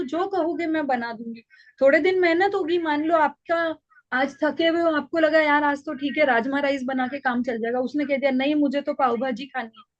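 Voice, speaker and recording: Woman parenting coach, high voice, gentle advising tone, code-switching, dull lo-fi audio. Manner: mixes Hindi and English, gentle advising tone. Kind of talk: online parenting class.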